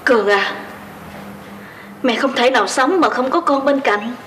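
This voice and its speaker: A woman's voice: sits high, measured pace, fairly bright tone, a little hiss or hum. A middle-aged actress playing a distraught rural mother who pleads with her son not to leave, in a TV drama. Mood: tearful. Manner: tearful, pleading. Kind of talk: TV drama acting.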